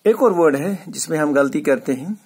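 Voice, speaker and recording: A man giving a classroom lecture on letter sounds, explaining slowly and repeating words for emphasis. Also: fairly high pitch, lively intonation, a little mellow, husky. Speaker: English teacher. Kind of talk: classroom lecture mixing Hindi and English.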